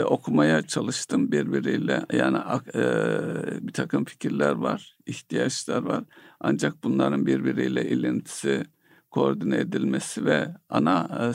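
A man giving economic commentary in a hesitant, analytical way, pausing often with filler sounds. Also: rumbling low, vocal fry, no room sound, studio quality. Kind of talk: analytical discussion.

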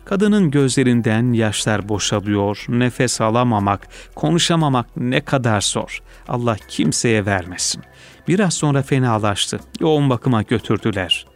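A man reading a personal essay aloud in a calm, measured, reflective way. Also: medium pitch. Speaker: reader. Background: faint music.

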